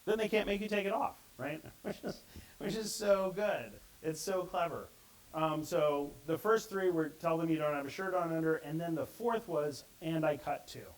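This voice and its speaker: A man's voice: on the high side, measured pace, poor audio. A middle-aged man giving a conversational conference talk and acting out the quotes he reads. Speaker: conference speaker.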